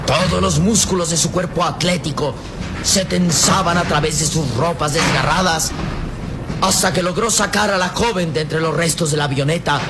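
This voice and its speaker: A man with a Latin American Spanish accent, his voice on the higher side and near an everyday tone, narrates a vintage radio serial with drama. He sounds solemn and full of suspense, phrasing things carefully and pausing, while storm noise plays behind him.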